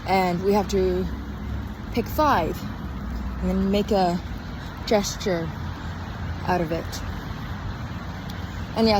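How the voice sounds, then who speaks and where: Out on a walk through a town, a weary young podcast host rambles in an unhurried, diary-like way, hesitating and letting thoughts trail off. Her pitch sits on the high side. Street noise from passing cars and general city ambience is clearly audible.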